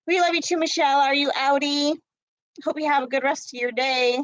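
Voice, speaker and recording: A woman's voice: sits high, a little fast, fairly bright tone, no echo, low-quality recording. A woman co-hosting a casual livestream, friendly and laughing often as she greets viewers by name. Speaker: livestream co-host.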